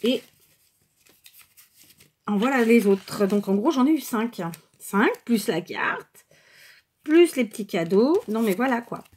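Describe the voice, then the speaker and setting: A woman vlogger chatting casually and hesitantly while showing craft cards, often pausing and correcting herself. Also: on the high side, expressive, a little mellow, husky. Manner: chatty, rambling, many hesitations and self-corrections. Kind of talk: casual unscripted show-and-tell.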